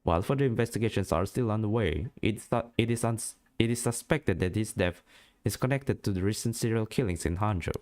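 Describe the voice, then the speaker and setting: A man's voice: on the low side, fairly quick, a little mellow, natural voice. Man doing a stiff TV news announcer. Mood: formal. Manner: stiff newsreader delivery. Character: formal male TV news announcer.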